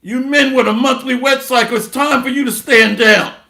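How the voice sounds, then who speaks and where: A man's voice: very high-pitched, steady tone, normal speed, pushed and bright, echoey room. A man preaching a blunt, mocking sermon with scripture readings and rhetorical call-outs.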